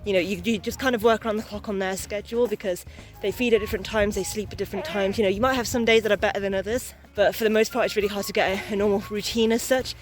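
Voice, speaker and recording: A woman's voice: mid-range voice, fairly even intonation, fast talker, hardly any pauses, soft background music. A young adult woman chatting candidly and in a rambling way for a casual vlog while out walking outdoors. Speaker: vlogger, new mother. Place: outdoors on a walk.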